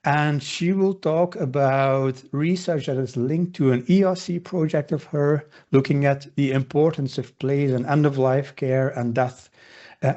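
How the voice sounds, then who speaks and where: A man's voice: a little high, a little mellow, highs cut off. A man moderating an academic webinar over a video call, introducing speakers formally with small wry asides.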